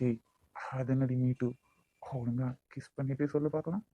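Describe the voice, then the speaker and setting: A man's voice: medium pitch, steady tone, normal speed, dark tone, no echo, muffled recording, close to an everyday voice. A man voicing several young men in a Tamil cartoon romance, with a Nagercoil accent, wheedling his fiancée and musing aloud to himself. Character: young man, affectionate fiancé and lovestruck taxi driver. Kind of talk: cartoon voice acting.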